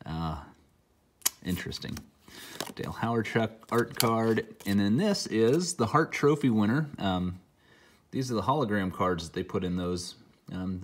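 A middle-aged man who is a little under the weather, giving casual, rambling commentary with dry asides as he hosts an unboxing. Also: low-pitched. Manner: rambling, dry asides while naming cards. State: under the weather, mildly sick. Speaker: host opening hockey card packs. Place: indoor room at a table, hobby display behind.

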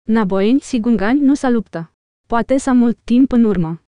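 A woman voicing a clumsy, excitable male Gungan creature who talks in broken, childlike grammar in an audiobook reading. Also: a little high, clean tone, dry recording, natural voice. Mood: earnest.

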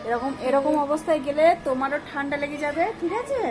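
A woman's voice: high-pitched, little pitch movement, fast talker. A young mother chatting casually to her viewers at home, cooing to her child. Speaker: mother and vlogger. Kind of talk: casual home vlog chat. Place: apartment home during rain. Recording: music playing under the voice.

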